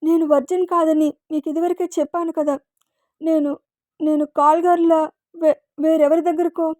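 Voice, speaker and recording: A woman's voice: high-pitched, flat delivery, normal speed, dark tone, no echo, clean studio sound, close to an everyday voice. A woman voicing a frightened young woman who stammers and pleads through tears. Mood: tearful.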